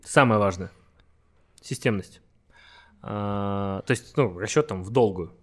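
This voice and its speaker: A man's voice: lowish voice, unhurried. A man from Kazakhstan with a burred r in casual chat, frankly explaining his work as a podcast guest and swearing now and then. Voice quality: burred r, says r softly in the throat. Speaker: podcast guest, network marketer.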